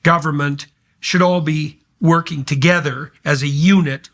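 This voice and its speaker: Emphatic, higher-voiced male podcast host. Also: fairly even intonation, a little slow, a bit bright. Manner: emphatic, sweeping, sardonic commentary. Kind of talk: podcast conversation.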